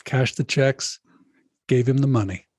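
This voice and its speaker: Husky-voiced man telling a story. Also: mid-range voice, a little slow, darkish tone, dry recording. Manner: earnest, keeps addressing the host by name. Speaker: podcast guest, lawyer. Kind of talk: storytelling in an interview.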